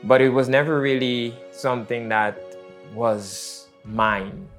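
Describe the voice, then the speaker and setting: A man, telling his personal faith story in a reflective, halting way with many fillers. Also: mid-range voice, fairly even intonation, fairly bright tone. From Netherlands. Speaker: missionary. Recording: faint music underneath.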